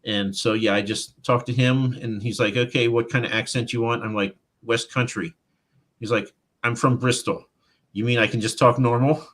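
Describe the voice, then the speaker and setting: Anecdotal male author, mid-pitched voice. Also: moderate pace. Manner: animated anecdote-telling, acting out quotes. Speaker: author, guest. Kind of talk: casual interview storytelling.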